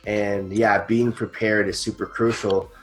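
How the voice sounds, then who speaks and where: A man's voice: lowish voice, level tone, a little slow, faint music behind. A man hosting a casual interview, friendly and chatty, telling stories with frequent fillers. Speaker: interviewer host. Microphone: livestream call.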